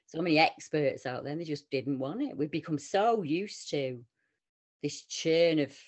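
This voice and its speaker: A woman with a Northern English accent, co-hosting a casual round-table podcast chat and telling stories in an animated way. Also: low voice, moderate pace. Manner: animated, lively storytelling with quoted voices. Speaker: podcast co-host.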